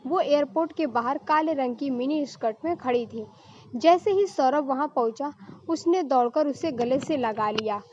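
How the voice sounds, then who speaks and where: A woman narrating a story in a steady, plain telling style. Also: sits high, normal speed, lo-fi sound, a little hiss or hum.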